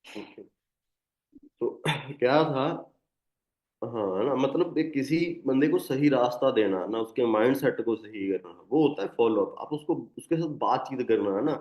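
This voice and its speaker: A man giving a network marketing training, talking loudly and conversationally, often checking in with tag questions. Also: medium pitch, a little slow, echoey room. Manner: speaking loudly. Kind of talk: motivational training talk. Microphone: phone or online call.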